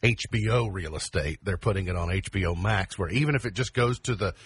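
A man's voice: low voice, brisk, breathy edge. A man co-hosting a casual radio show, reading date trivia and chatting. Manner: reads almanac items, then riffs. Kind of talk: casual morning radio chat.

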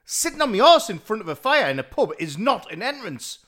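A man's voice: high-pitched, big pitch swings, fairly quick, pushed and bright. A man in his thirties, complaining and grumbling as a player in a tabletop game. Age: 30s.

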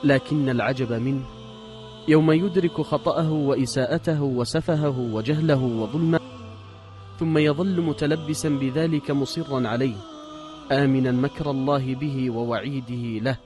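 A man with a mid-pitched voice delivers a sermon in a measured, earnest way. He exhorts his listeners steadily, with faint music underneath. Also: a little mellow. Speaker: preacher.

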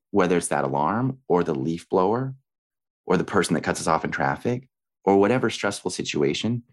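A man with a low-pitched voice talks as a guest teacher of breathing and meditation. He explains things in an instructive, conversational way, leaning on everyday examples to make his points. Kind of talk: explanatory interview talk.

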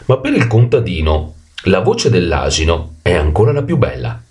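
A man reading a short fable aloud in an expressive, playful storytelling manner. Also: sits low, normal speed. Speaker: narrator.

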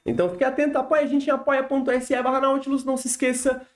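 A man with a Brazilian accent and a smoker's rasp hosts a casual live podcast monologue, with a playfully mock-grandiose manner. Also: very high-pitched, level tone, racing. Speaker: podcast host.

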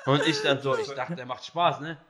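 A young man telling a story in animated, laughing style, mimicking other people as he goes. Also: medium pitch, normal speed, crowd noise. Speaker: podcast guest telling a story.

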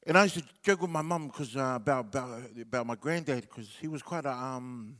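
In a large hall, a middle-aged comedian from New Zealand who grew up speaking Samoan rambles through a stand-up story loaded with fillers. His mid-range voice is fairly bright and a little fast, his manner easygoing.

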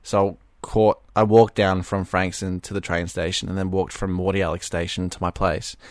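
A young Australian man with a notably deep, low voice tells rambling stories in a laid-back, casual way, swearing freely. The recording is dry and close, with no room sound. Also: level tone, normal speed, no echo. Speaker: YouTuber being interviewed. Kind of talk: casual podcast chat.

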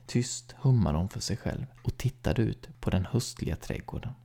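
Male horror-story reader, low and gravelly, measured, with a husky edge. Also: expressive, mellow. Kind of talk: scripted horror short-story reading.

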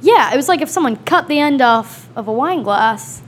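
A playful woman guesting on a podcast, giggling as she chats. Her voice sits fairly high and swings up and down a lot, with faint noise behind her. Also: expressive, moderate pace. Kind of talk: casual chat.

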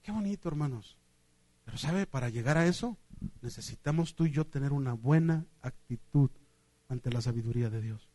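A middle-aged man with a Mexican accent preaching a sermon, telling stories in an animated way and acting out the voices of the people in them, going from loud to hushed. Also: medium pitch, normal speed, no room sound. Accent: Mexican Spanish.

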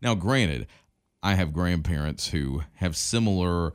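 A man with a very deep voice rambles through sports history on a podcast, full of fillers and restarts. His tone is smooth and resonant. He talks fast and casually. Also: animated. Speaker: podcast co-host.

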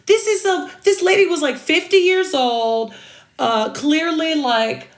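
A woman's voice: high-pitched, unhurried. A woman co-hosting a casual, profane movie review chat, acting out scenes as she recaps them. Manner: animated, profane, acts out scenes. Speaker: podcast co-host.

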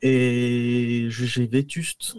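A man's voice: medium pitch, flat delivery, extremely slow, a little mellow, smooth, dry recording. A man from Côte d'Ivoire, a podcast guest, explaining in an easygoing way with many fillers. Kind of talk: casual interview.

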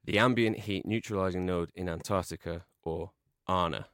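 A man co-hosting a podcast, reading out a comic film pitch with deadpan storytelling delivery. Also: moderate pace, dry recording, clean studio sound. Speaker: podcast co-host.

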